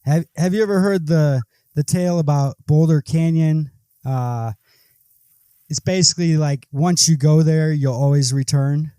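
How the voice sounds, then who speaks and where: A man hosting a podcast, talking in a relaxed, hesitant way with fillers. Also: a little high, measured pace, smooth, no room sound. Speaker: podcast host. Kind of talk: casual conversation.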